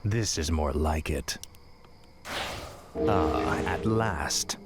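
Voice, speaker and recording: Loud music surrounds a low, rasping voice: an ancient undead king from a fantasy game. He speaks slowly and with cold menace, every phrase an imperious, scornful command. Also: animated, exaggerated voice. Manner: slow, ominous, commanding, contemptuous. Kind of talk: fantasy video game unit voice lines.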